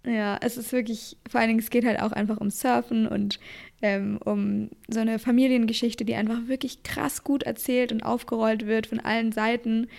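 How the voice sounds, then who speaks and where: Gravelly-voiced enthusiastic young woman co-host. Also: on the high side, steady tone, moderate pace, a little mellow. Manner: enthusiastic, gushing, casual English words. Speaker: podcast co-host. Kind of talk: casual chat.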